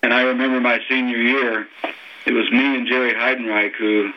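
An older man from Texas, a former diver, recalling his youth in a phone interview, talking unhurriedly with many pauses and ums. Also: mid-range voice, flat delivery. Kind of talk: phone oral history interview. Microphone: telephone. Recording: muffled phone line with faint noise.

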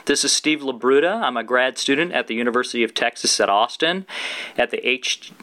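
Bright-voiced young man interviewing. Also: medium pitch, lively intonation, a little fast. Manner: friendly, affirming, stumbling questions. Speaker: interviewer, graduate student. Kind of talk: oral history interview.

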